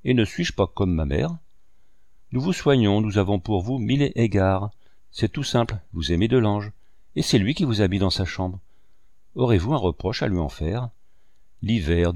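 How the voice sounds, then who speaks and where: Brief: reproachful, affectionate young woman in an audiobook read by a low-voiced man, dry close sound. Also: animated, normal speed, darkish tone, no room sound. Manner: indignant, pleading questions. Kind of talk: audiobook reading.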